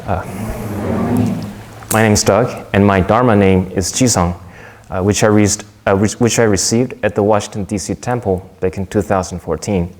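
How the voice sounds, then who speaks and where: Delivering a Dharma talk he prepared beforehand, a young man from Korea speaks earnestly and at a measured pace, occasionally restarting a phrase. He has a fairly low voice with a slightly mellow quality.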